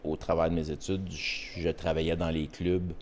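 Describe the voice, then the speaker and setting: A man in his forties with a Québécois accent, a podcast guest speaking in a hesitant, halting way with many fillers. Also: low-pitched, little pitch movement, darkish tone, slight background noise. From Quebec. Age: 40s. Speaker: podcast guest, host's father. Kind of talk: casual interview.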